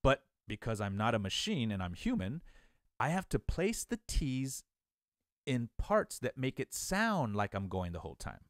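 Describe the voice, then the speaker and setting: Lively man teaching beatbox. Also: mid-range voice, normal speed, no room sound, clean studio sound. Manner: encouraging, counts students in and demonstrates beatbox sounds. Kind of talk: online class instruction.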